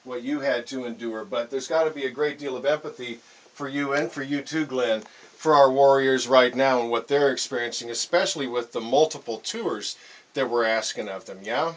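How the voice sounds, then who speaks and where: Male radio interview host, medium pitch. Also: normal speed.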